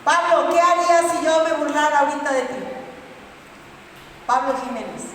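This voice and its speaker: A woman's voice: high-pitched, normal speed, a bit bright. A woman preaching a sermon, asking the congregation questions and telling the story with energy. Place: church hall. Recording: echoey hall from far off, faint noise.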